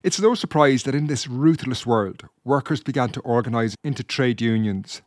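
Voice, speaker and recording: A male documentary presenter with a mid-range voice reads scripted narration. His delivery is even and steady. The recording is dry, with no room sound. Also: medium pitch, normal speed, dry recording. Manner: even, read-aloud delivery. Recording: dry close studio sound.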